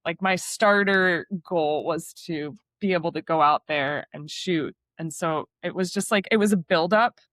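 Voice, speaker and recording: A woman's voice: lowish voice, a little slow, hardly any pauses, fairly bright tone, dry recording, studio quality. A young adult woman, a surf and water photographer, talking as an interview guest in a casual, chatty way full of fillers.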